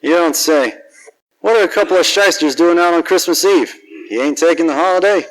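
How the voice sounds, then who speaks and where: In a low-quality recording, a man with a fairly high, natural voice narrates quickly as the lead detective Scrooge, a cynical, grumpy, hard-drinking private eye. It's hardboiled 1940s radio narration, delivered in a wry, wisecracking, slangy, world-weary manner.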